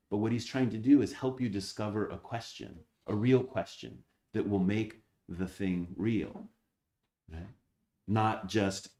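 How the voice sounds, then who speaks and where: Male abbot, Dharma talk. Low, dark voice, reads scripture slowly, then teaches with rhetorical questions. Echoey hall.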